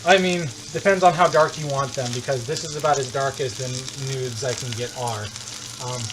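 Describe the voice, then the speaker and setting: An American man hosts a live cooking stream from his home kitchen, rambling casually and tossing in joking asides while he cooks. His voice is medium-pitched and brisk, and the sizzle and frying noise of the kitchen come through clearly.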